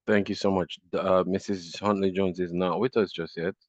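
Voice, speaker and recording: Deep flat man on a dull line. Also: normal speed, no echo. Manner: reassuring, hesitant fillers. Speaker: event organizer. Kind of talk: casual aside. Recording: dull dry online call audio.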